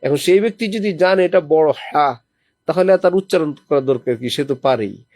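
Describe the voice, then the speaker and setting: A man's voice: on the high side, lively intonation, normal speed, a little mellow, no room sound, studio quality. A man preaching a sermon to a small gathering, reciting verses as examples and putting questions to his listeners. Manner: teaching with recited Quranic examples. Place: lodging during a visit to a holy city.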